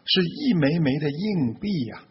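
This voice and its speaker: An old farmer in an oral folk tale, put on by a male narrator, worn and anxious, his cries stretched into heavy sighs. The voice is rough with fry and deeply husky. It comes through a muffled, lo-fi recording. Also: expressive, full character voice. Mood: elated. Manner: exclaiming with drawn-out sighs. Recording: dull lo-fi recording.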